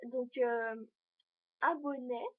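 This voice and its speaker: A woman's voice: a little high, steady tone, drawn-out words. A teenage girl chatting in a casual fashion vlog, rambling and hesitant as she shows items to her viewers. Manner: talks to the viewers while showing items. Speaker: vlogger. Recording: dull lo-fi home video recording.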